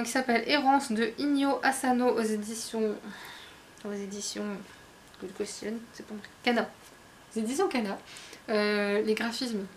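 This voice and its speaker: A woman with a fairly high voice chats casually about her recent book haul, pausing on fillers and restarting her sentences. A faint background noise sits under her voice. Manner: chatty, hesitant, many fillers, laughs often. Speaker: book vlogger.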